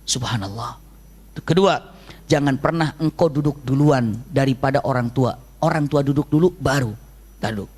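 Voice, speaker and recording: A man preaching a sermon, telling stories lively and acting out the voices he quotes. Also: medium pitch, normal speed, husky. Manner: lively storytelling, acts out quoted voices, frequent laughter.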